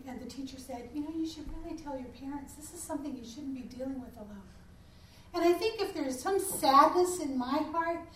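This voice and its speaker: A middle-aged woman speaking on a panel, heartfelt and searching for words. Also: high voice. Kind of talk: earnest panel discussion. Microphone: distant room mic. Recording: echoey, distant, faint hiss.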